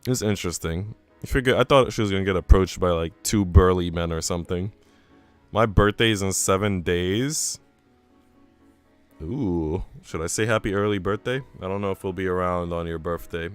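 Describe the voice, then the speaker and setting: A deep-voiced game streamer with a clean tone reads a visual novel at normal speed, faint music behind him. He alternates narration with casual, chatty remarks aimed at his viewers.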